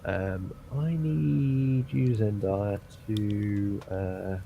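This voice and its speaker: A man running a tabletop game as dungeon master, describing the scene haltingly with many ums and uhs. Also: fairly low pitch, fairly even intonation, vocal fry, highs cut off, a little hiss or hum.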